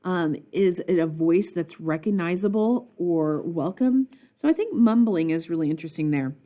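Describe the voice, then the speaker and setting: A woman records a poetry annotation lesson, speaking as a teacher who thinks aloud. Her voice sits low and sounds warm and relaxed. She fills her pauses with ums and keeps asking her students questions about the text.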